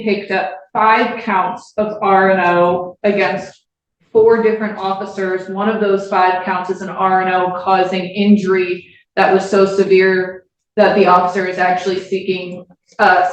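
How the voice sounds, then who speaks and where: A woman prosecutor arguing in a formal, measured way, heard on a courtroom recording. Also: medium pitch, flat delivery. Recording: echoey, distant, dull courtroom audio.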